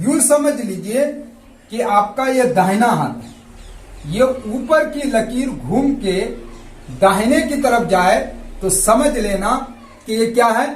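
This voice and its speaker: A man's voice: high-pitched, echoey room. A man teaching a lesson, patiently repeating and spelling out sounds. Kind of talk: slow explanatory lesson.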